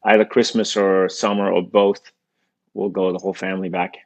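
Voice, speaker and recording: A middle-aged man from Denmark, a native Danish speaker, talking in a relaxed, thoughtful way as a guest in an interview. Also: deep voice, moderate pace. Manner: relaxed, thoughtful, frequent fillers. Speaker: guest, company founder. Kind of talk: casual interview conversation.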